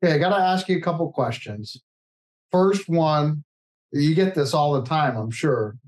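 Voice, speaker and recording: Male podcast host, casual and chatty, slightly high voice. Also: expressive, moderate pace, darkish tone. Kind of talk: podcast interview.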